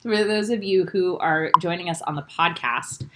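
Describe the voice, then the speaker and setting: Background noise accompanies this live-stream recap chat, which a young woman co-hosts from her bedroom at home. Speaking at a normal pace in a lowish voice, she stays upbeat, laughs often and calls out viewers by name.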